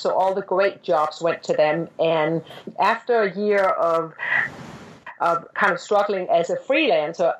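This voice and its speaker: A middle-aged woman from Denmark, a podcast guest telling her story in a halting way with many hesitations and restarts. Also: on the low side, lo-fi sound. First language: Danish. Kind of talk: reflective storytelling.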